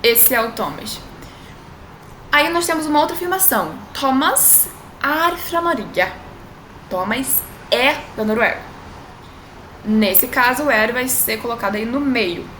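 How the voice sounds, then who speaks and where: A woman teaching a language lesson in a chatty way, saying example sentences slowly and often asking whether you follow. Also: fairly high pitch, animated, bright, forceful tone. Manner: chatty, drawn-out model phrases, frequent tag questions. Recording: echoey room with faint noise.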